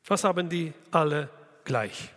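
Slow-preaching man in a reverberant hall. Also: fairly high pitch, lively intonation, a bit bright. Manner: slow, deliberate preaching with rhetorical questions. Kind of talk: sermon.

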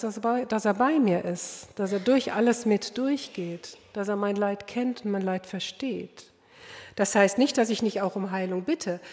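Older woman, earnest sermon, addresses listeners directly, mid-pitched voice, long reverb of a hall. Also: a little mellow.

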